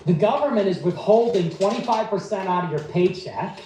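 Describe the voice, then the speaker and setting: A man's voice: high voice, lively intonation, brisk. A man hosting a livestream, talking in a blunt, sarcastic, rambling monologue. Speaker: livestream host. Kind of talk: casual ranting monologue. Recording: echoey, distant, noisy room.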